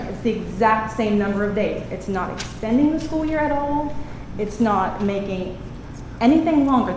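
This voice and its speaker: A middle-aged woman with a thin, squeaky voice, speaking informally and a little nervously as she gives earnest public comment at a meeting. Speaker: elementary school art teacher. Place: indoor public meeting room. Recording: echoey room with clear background noise.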